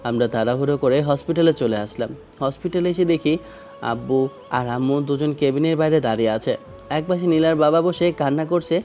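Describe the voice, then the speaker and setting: A man's voice: fairly high pitch, brisk, dark tone, soft background music. A young man narrating a romantic audio story in the first person, with dramatic emotion.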